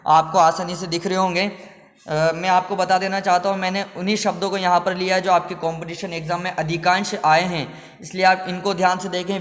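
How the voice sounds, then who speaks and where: A man's voice: sits high, big-room sound. A male Hindi grammar teacher giving an exam-prep lesson, asking each word back to his viewers as a question and repeating the answer.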